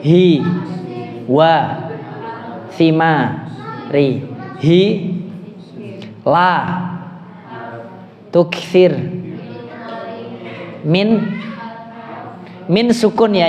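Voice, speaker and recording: Javanese-accented guy teaching a grammar class in a mosque, kinda high voice, big echoey hall. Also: a little mellow, highs cut off. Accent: Indonesian, with Javanese words. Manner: quizzing students, chanting Arabic phrases slowly. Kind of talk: classroom lesson.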